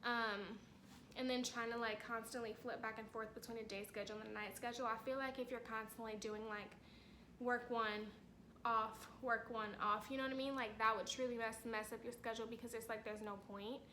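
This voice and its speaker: Young woman, casual vlog chat, fillers, bright tone, slight hiss behind. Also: on the high side, flat delivery, a little fast, poor audio. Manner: chatty, rambling, many fillers. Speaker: vlogger.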